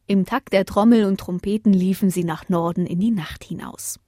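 A woman narrating a children's storybook in a calm, even way. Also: medium pitch, normal speed, dry recording, studio quality. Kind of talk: storybook reading.

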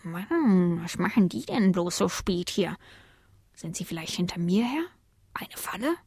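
A woman voicing a suspicious tomcat in a storybook, muttering his thoughts quietly to himself. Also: on the low side, big pitch swings, a little slow, vocal fry, husky, dry recording, studio quality, heavily acted. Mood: wary.

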